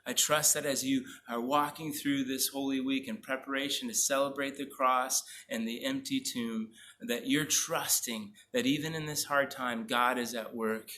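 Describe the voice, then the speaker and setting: A man preaching as a pastor, reading scripture aloud slowly and earnestly between his own comments, with a few fillers. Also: mid-range voice, steady tone, pushed and bright, a little hiss or hum.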